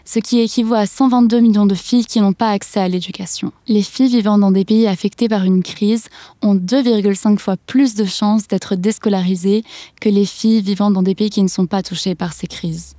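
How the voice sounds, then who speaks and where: A young adult woman hosting a podcast, reading a scripted introduction and asking interview questions in a measured, careful way. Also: medium pitch, dark tone, dry recording. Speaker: podcast host.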